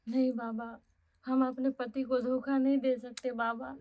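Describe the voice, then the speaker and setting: A woman's voice: sits high, little pitch movement, unhurried, dark tone. Woman playing an anxious pleading young wife. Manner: pleading, distressed. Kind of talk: comic sketch acting.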